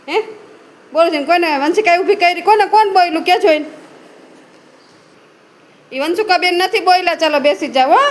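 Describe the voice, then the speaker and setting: A woman teacher giving brisk, repeated commands and quick praise while she leads young children in a guessing game in a room full of kids. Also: very high voice.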